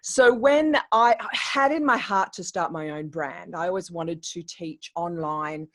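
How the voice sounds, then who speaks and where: A middle-aged Australian woman who works as a coach and educator tells her story as a podcast guest. She's chatty and animated, full of restarts and fillers, with a voice on the low side and a slightly slow pace.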